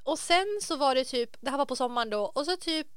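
A woman co-hosting a podcast, telling a story in a casual, animated way and acting out the voices in it. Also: high-pitched, no room sound. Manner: animated, acts out quotes, laughs a lot. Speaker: podcast co-host.

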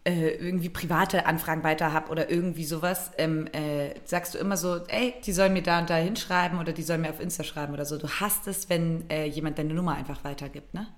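A woman's voice: deep voice, steady tone, fast talker, few pauses. Chatty woman co-host asking questions. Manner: chatty, laughs often, asks questions. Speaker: podcast co-host. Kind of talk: casual chat.

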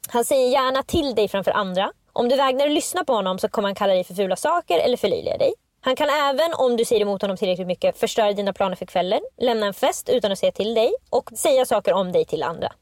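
Higher-voiced woman co-hosting a chatty podcast. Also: lively intonation, few pauses, no echo. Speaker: podcast co-host. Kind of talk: casual chat, reading from a book.

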